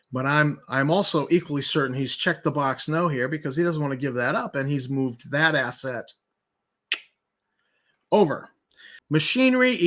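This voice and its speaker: A man's voice: medium pitch, a bit bright. A man giving informal commentary as he reads through a document, emphatic and skeptical, repeating key points for effect. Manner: incredulous, skeptical. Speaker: commentator host.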